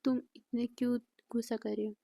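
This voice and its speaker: A woman voicing a worried, protective young warrior, speaking softly and breathily in a storybook reading. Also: extremely high pitch, level tone, a little fast, gravelly, no echo. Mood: concerned.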